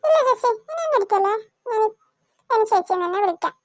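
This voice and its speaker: A woman's voice: extremely high pitch, animated, fast talker, no echo, clean studio sound. A woman voicing a cheeky, whiny little girl who teases her older sister in a cartoon. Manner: whiny, teasing. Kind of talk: cartoon voice acting.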